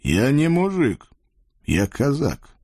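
A man's voice: mid-range voice, wildly swooping pitch, takes it slowly, a little mellow, voice pushed up, heavily acted. A man doing a curt, stern Cossack. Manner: curt, firm. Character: stern, steady male Cossack warrior.

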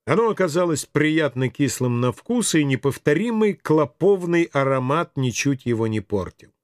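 A man reads a first-person story in a wry, ironic tone, his fairly high voice rising and falling with a lot of life. The recording is dry and close, with no room sound. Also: very animated, moderate pace, dry recording. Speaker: narrator. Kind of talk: first-person audiobook narration.

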